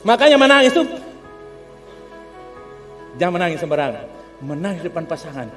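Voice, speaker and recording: A man preaching a humorous, animated sermon, calling on the congregation to respond. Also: sits high, brisk. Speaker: pastor. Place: church hall. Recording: long church hall reverb with faint music.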